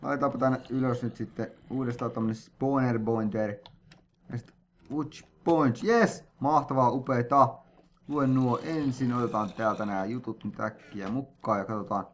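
A man at a desk microphone talking through his own gameplay as he goes. His voice sits at an ordinary middle pitch. He is excitable and jokey, with sudden yelps and playful sing-song noises. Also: slight background noise. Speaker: gamer playing a player-made map. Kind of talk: let's-play commentary.

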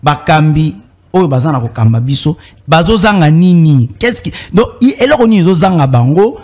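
A man's voice: fairly high pitch, lively intonation, normal speed, darkish tone. Indignant man stammering complaints. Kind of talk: impassioned complaint.

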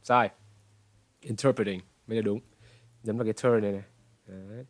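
A man in his twenties from Vietnam, correcting pronunciation and repeating words slowly to demonstrate. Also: on the low side, steady tone, dry recording. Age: 20s. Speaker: pronunciation coach. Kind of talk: reaction commentary correcting pronunciation.

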